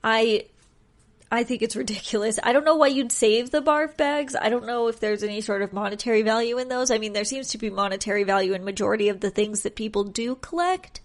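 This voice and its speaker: A woman's voice: fairly high pitch, steady tone, brisk. A woman hosting a casual solo podcast, chatty and joking, sounding congested and nasal as if pinching her nose. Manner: chatty, joking, self-deprecating. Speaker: podcast host.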